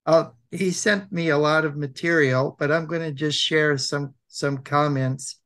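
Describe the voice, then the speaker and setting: With a steady, slightly high, somewhat bright voice that sounds thick and sore-throated, this older American co-host reads aloud and presents casually on a web show. He clears his throat often and hesitates, pausing and repeating himself a lot.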